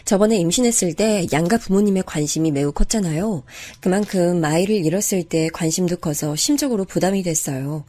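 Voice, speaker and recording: A woman narrating a first-person true-life story in a calm, confiding way. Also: fairly low pitch, fairly quick, hardly any pauses. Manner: calm, confiding, even-paced.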